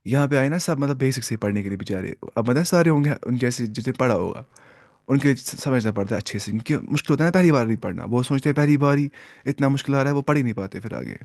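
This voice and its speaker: A man teaching a beginners' Arabic class, asking his students questions and repeating each word slowly. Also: mid-range voice, animated, darkish tone, dry recording. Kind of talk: classroom lesson.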